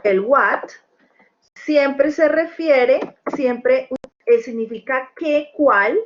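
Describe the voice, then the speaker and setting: A woman's voice: high voice, extremely slow. A woman teaching a beginner English lesson, explaining step by step and checking in with the class after each point. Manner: patient, checks understanding with tag questions. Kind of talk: recorded screen-share lesson. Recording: dull lo-fi with faint noise.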